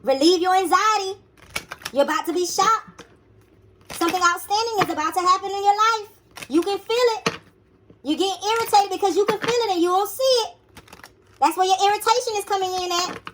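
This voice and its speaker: A woman with a strikingly high voice delivers a motivational sermon in loose, casual slang. She swears freely and repeats her commands for emphasis, talking straight to her listeners like a spiritual teacher. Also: brisk, pauses often, background noise.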